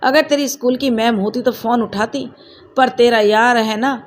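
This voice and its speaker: A cruel, jealous drunkard of a husband in a spoken storybook, read by a woman in her own voice. His lines come out harsh and accusing, pitched a little above the average woman's voice, with faint ambience behind. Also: steady tone, normal speed, slight background noise, close to an everyday voice.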